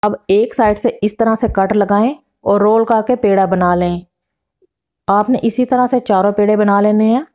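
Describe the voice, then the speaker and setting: A woman, narrating a cooking recipe as the channel host, giving calm step-by-step instructions with exact measurements. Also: medium pitch, moderate pace.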